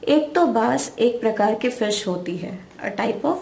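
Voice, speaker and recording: A woman's voice: on the high side, animated, takes it slowly, gravelly, darkish tone, a little hiss or hum. An Indian woman teaching English grammar, patiently explaining and spelling out words letter by letter. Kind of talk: slow explanatory lesson in Hindi-English mix.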